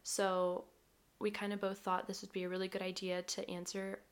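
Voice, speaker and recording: A woman's voice: mid-range voice, completely flat delivery, normal speed, smooth. A young woman from the United States co-hosting a casual podcast, chatty and rambling, laughing often. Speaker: podcast co-host. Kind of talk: casual chat.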